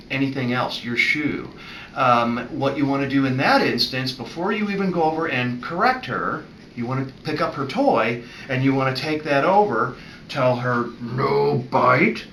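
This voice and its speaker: Friendly veterinarian man, bright echoey voice. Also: medium pitch, far from the mic. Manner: calm, friendly explaining, demonstrating tones of voice to a puppy. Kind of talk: instructional video talk. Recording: echoey room with faint ambient noise.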